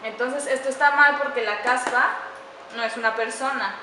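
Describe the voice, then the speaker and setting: Bright-voiced woman explaining grammar, echoey room. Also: high voice. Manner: careful, slows down to spell out example sentences. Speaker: student presenter. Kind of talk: explanatory class presentation. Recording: echoey room with faint background noise.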